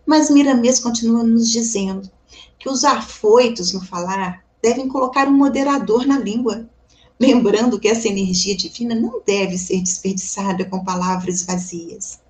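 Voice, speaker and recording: Calm Brazilian woman giving a spiritual reflection. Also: fairly high pitch, moderate pace. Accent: Brazilian Portuguese. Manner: calm, reflective, asks the audience rhetorical questions; addresses listeners warmly as "gente". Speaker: Spiritist lecturer. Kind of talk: devotional reflection talk.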